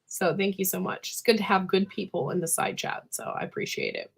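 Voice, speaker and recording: A woman with a hoarse, smoker-like rasp and a voice that is giving out, chatting casually as host of a livestream and often clearing her throat. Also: mid-range voice, huge pitch swings, a little fast. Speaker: host of a live canning chat.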